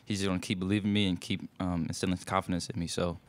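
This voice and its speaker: At a postgame presser in front of a sponsor backdrop, a young college basketball player responds to questions through a table mic. His voice sits low with little pitch movement, and he speaks loosely in quick spurts laden with fillers.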